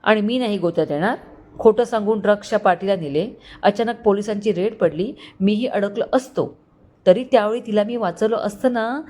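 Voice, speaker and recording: A woman's voice: mid-range voice, mellow, natural voice. A woman voicing an angry, scheming young man who is a villain in a spoken family story. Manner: heated, defiant.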